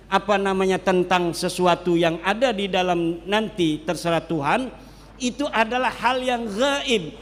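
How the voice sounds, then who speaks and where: A man from Banten, Indonesia, giving a religious lecture as an Islamic cleric, talking in a lively, joking way and switching between regional languages. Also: high-pitched. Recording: hall reverb.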